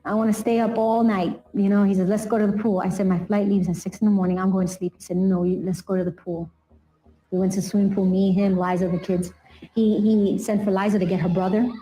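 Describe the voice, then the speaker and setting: A woman's voice: medium pitch, dark tone, a little hiss or hum, poor audio. A woman recalling her late brother in a documentary interview, telling the story by acting out the dialogue. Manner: storytelling, acts out quoted dialogue. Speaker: interviewee, late rapper's sister.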